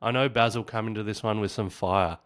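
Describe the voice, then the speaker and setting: Chatty Australian man, lowish voice. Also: a little fast. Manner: chatty, relaxed, laughs at himself. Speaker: fantasy football podcast host. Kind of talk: solo casual commentary to camera.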